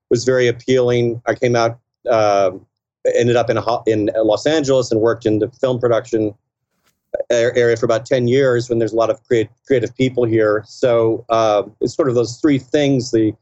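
American guy talking slow and thoughtful, dry dull audio. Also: medium pitch, darkish tone, dry recording. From United States. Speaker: interview guest. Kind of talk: casual interview.

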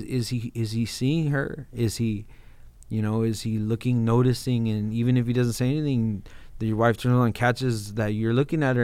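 A man's voice: medium pitch, a little mellow, smooth, no room sound. A man talking casually and earnestly in an informal, heartfelt conversation, often addressing his listener as bro. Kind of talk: casual heartfelt conversation about faith and marriage.

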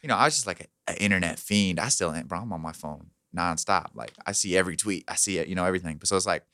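A man's voice: low-pitched, racing, bright, forceful tone, no room sound. A man of twenty-eight in casual chat, laid-back and slangy, full of "like" and "bro".

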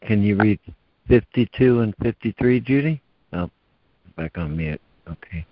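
A man leading a reading group over a video call, talking in an easygoing way with pauses and fillers. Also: fairly low pitch, animated, no room sound. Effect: heard over a video call. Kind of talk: casual group facilitation. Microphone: computer or headset mic on a video call. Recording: dull lo-fi video call audio.

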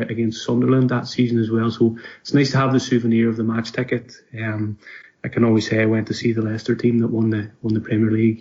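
A man's voice: medium pitch, darkish tone, lo-fi sound. A man in his thirties with a Donegal Irish accent, chatting casually as a podcast guest. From Donegal, Ireland. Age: 30s. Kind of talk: casual interview chat.

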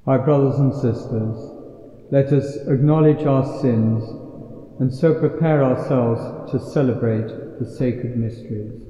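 Man, priest, solemn liturgical prayers, very dark tone, cathedral echo, long church reverb, dull lo-fi sound. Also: medium pitch. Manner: measured, solemn delivery. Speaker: priest leading Mass. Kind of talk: formal liturgical recitation. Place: large church.

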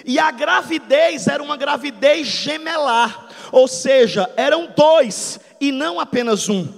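A man in his thirties, a pastor, preaching a dramatic testimony sermon that swings from soft storytelling to shouts. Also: very high voice, lively intonation, unhurried, gravelly, long reverb tail. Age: 30s. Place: church hall.

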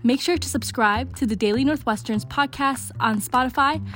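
A woman's voice: high voice, moderate pace, a bit bright, faint music behind. Young woman narrating a student podcast. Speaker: podcast host and reporter. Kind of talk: scripted narration.

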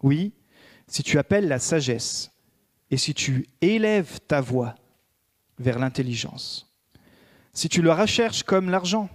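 A man's voice: on the high side, expressive, slow, long pauses. Emphatic French-speaking male pastor preaching. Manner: preaching with rising emphatic peaks and hushed prayerful drops. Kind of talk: sermon.

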